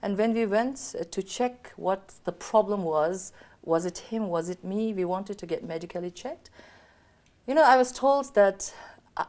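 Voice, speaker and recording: A Bhutanese woman in her thirties, speaking with a Bhutanese accent, chats openly as a guest in a candid personal interview, often saying "you know." She's sick and has partly lost her voice, which sits mid-range, a little mellow, at a normal speed.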